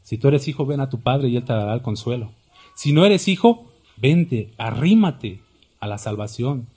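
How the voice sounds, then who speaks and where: A man's voice: mid-range voice, expressive, moderate pace, mellow, slightly rough. A male pastor preaching an impassioned, dramatic sermon full of rhetorical questions.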